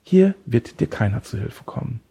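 A man's voice: mid-range voice, sing-song, normal speed, creaky, warm tone, slightly rough, full character voice. A man voicing a deranged male woodcutter who holds someone captive, taunting and smug, then creepily tender. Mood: mocking. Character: deranged male woodcutter kidnapper, mocking and obsessive.

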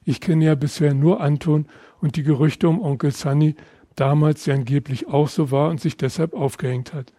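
Older man reading his memoir, mellow. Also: on the high side, fairly even intonation, no room sound, studio quality. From Berlin. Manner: measured, reflective storytelling. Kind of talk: reading aloud from his own book.

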